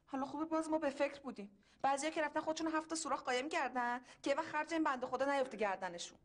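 An actress playing a quarrelsome, sharp-tongued woman in a TV drama. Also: sits high, lightly acted. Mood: bickering. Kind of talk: TV drama acting.

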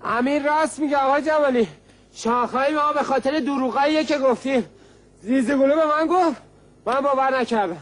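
An actor playing a pompous, short-tempered engineer who shouts when annoyed. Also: male voice, very high-pitched.

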